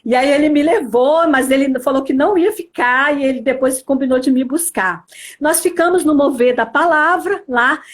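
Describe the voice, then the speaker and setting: High-voiced Brazilian woman giving testimony. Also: moderate pace. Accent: Brazilian Portuguese, Espírito Santo. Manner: earnest storytelling, filled with "né, assim". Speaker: church member giving testimony. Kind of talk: spoken religious testimony.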